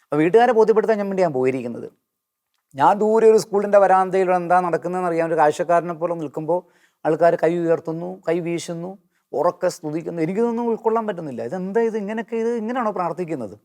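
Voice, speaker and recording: A man giving an earnest personal testimony in an interview, slowing down when he quotes hymn lines. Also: high-pitched, darkish tone.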